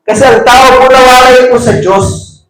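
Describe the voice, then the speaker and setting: A man's voice: very high voice, fairly even intonation, normal speed, fairly bright tone. A man with a Filipino accent preaching a sermon, mixing Tagalog and English and often asking "no?". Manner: mixes Tagalog and English, frequent "no?" tag questions. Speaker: teacher. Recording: echoey room.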